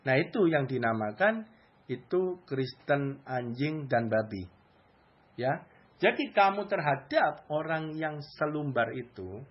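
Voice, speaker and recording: A man's voice: fairly high pitch, breathy edge, dull audio. A man preaching a sermon in a conversational, colloquial way, often asking rhetorical questions.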